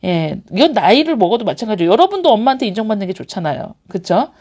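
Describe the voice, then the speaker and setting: A woman's voice: medium pitch, sing-song, quick pace, a little mellow. A woman running an English academy, talking casually to parents on a live stream and often laughing as she acts out examples. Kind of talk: live-stream talk answering parents' questions.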